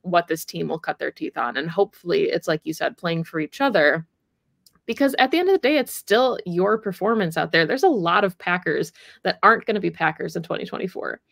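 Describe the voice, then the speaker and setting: A woman's voice: fairly low pitch, lively intonation, brisk, vocal fry, a bit bright, no echo, clean studio sound. A young woman co-hosting a sports podcast, talking casually with lots of "like" fillers. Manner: conversational, frequent "like" fillers. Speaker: podcast co-host.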